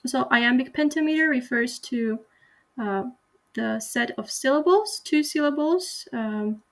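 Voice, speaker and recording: Presenting a poem to her class, a young university student speaks in an earnest, explanatory way, often pausing and starting over. Her voice is on the high side.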